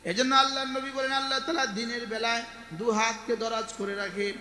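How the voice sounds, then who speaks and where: Man, preacher, very high voice, bright, sermon with chanted verses, echoey hall. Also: little pitch movement, brisk, faint music behind. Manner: chanting Arabic verses, call-and-response with the crowd. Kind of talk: Islamic sermon. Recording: echoey hall with long reverb.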